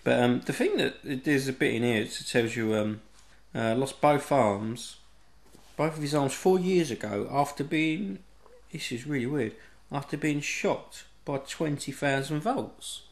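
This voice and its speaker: A man's voice: mid-range voice, animated, a little slow, creaky. A man, co-hosting a podcast in casual chat, wry and musing aloud. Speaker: podcast co-host.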